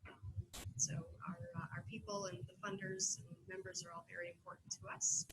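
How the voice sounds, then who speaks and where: A woman presenting her community center to a panel audience, halting and full of fillers and restarts as she goes. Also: on the low side, steady tone, background noise.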